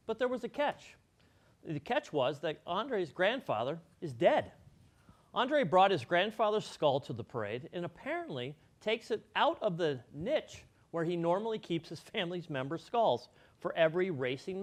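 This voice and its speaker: A man presenting scripted comedic news as the show's anchor. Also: a little high.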